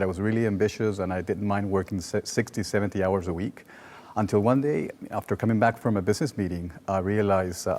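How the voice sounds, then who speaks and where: A Peruvian man in his forties, a native Spanish speaker with a Peruvian accent, speaks in a lowish, slightly mellow voice. He's a well-being coach appearing as an interview guest, telling personal stories conversationally.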